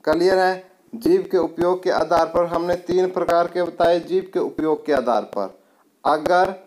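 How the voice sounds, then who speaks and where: A man's voice: on the high side, a little mellow. A man teaching an exam-prep grammar lesson, drawing out example vowels and checking in with the class. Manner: slow, drawn-out vowel examples, checks in with "clear?".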